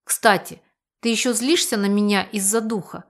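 A woman voicing a wry male necromancer who speaks quietly and slyly, in an audiobook. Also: medium pitch, fairly even intonation, moderate pace, close to an everyday voice. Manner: quiet and sly.

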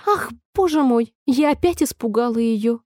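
A woman's voice: fairly high pitch, moderate pace, dark tone, no echo, clean studio sound, lightly acted. A woman voicing a polite, chatty, fretful little girl in a storybook reading, sounding eager and apologetic.

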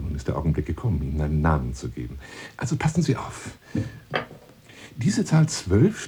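This is a lowish, husky, exaggerated voice: an actor portraying a lonely, pompous hunter who tries to seduce a woman. His radio drama monologue is grandiloquent and insinuating, alternating hushed phrases with declaimed ones.

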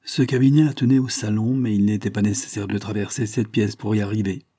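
A man reading a classic novel aloud as a measured, formal audiobook narration on a close mic. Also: lowish voice, steady tone, mellow, breathy edge. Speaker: audiobook reader. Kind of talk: scripted narration.

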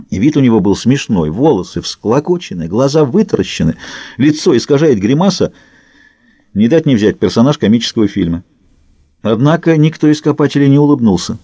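A man reading an audiobook in a measured narration style. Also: medium pitch, dark tone, no echo. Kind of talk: scripted narration. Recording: dull lo-fi dry audio.

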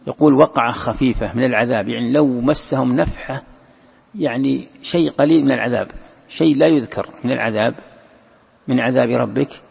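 In a lo-fi recording made in a long-reverb hall, a man gives a classroom commentary on the Quran, a classical text. He explains step by step, repeats key phrases, asks and answers his own questions, and slows down to recite verses. His voice is medium-pitched with vocal fry and a breathy edge.

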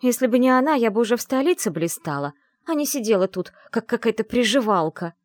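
A woman's voice: fairly high pitch, lively intonation, fast, no echo, studio quality, pitched above the performer's own voice, natural voice. A woman voicing a spoiled, scornful young mistress in a storybook. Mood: resentful.

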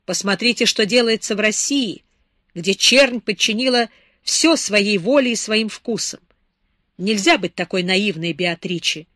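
A woman doing a soft-spoken, suave man. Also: medium pitch, a little slow, dry recording, clean studio sound. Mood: persuasive. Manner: soft, persuasive. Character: suave, melancholy man, flattering and elitist.

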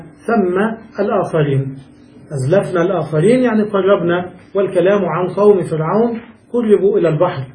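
A man lecturing on Arabic grammar, pausing to make sure his students follow. His voice sits high but sounds mellow and soft-edged. He is recorded from some way off in a reverberant room. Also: distant mic. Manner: explains slowly, quotes verses and checks understanding. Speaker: sheikh teaching Arabic grammar. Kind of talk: classroom lecture. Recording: echoey room, voice from afar.

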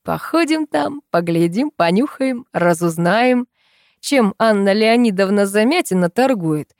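A woman's voice: mid-range voice, animated, a little slow, a little mellow, no echo, pitched above the performer's own voice. Woman as an unflappable sly man, drawling, teasing, sarcastic, dry close sound. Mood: mocking.

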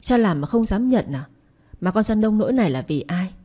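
Woman doing a young son, earnest, protective, warm husky voice, storybook. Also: medium pitch, lively intonation, a little fast. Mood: reproachful. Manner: earnest, reproachful. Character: young adult son, angry and protective of his mother.

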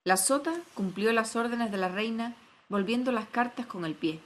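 A woman narrating a storybook in a clear, even storytelling manner. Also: fairly high pitch, normal speed.

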